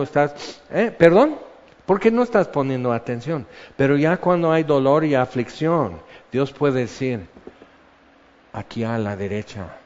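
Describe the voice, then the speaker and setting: A Mexican-accented man teaching the Bible in a sermon, talking to his listeners in a loose, chatty way. His voice sits at an ordinary middle pitch. The recording sounds muffled and dull, with a long reverb trailing through a large hall. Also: darkish tone. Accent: Mexican Spanish. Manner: chatty and explanatory, often checks in with "ok". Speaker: preacher.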